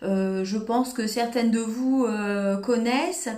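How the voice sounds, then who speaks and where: A woman's voice: on the high side, slow, warm tone. A woman with a northern French accent hosting a live crafting demo from her phone, nervous and hesitant, with many fillers. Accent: northern French, Cambrésis. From northern France. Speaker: crafting livestream host. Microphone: phone held in hand. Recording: echoey room, faint noise.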